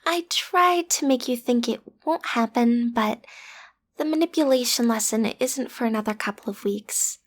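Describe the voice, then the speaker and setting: Speaking at a moderate pace in a natural, fairly high voice, a woman portrays a villain's cute teenage daughter for an audio roleplay. Easily flustered, the girl stammers earnestly while trying to look intimidating. It comes across as awkward and earnest.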